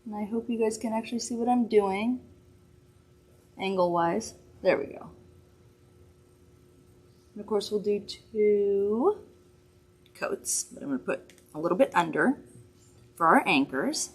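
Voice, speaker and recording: A woman's voice: medium pitch, expressive, measured pace, pauses often, slightly rough. A woman hosting a weekly makeup livestream, chatting casually and giggling while she demonstrates products. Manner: chatty, giggly, rambling asides. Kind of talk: casual product demo chat.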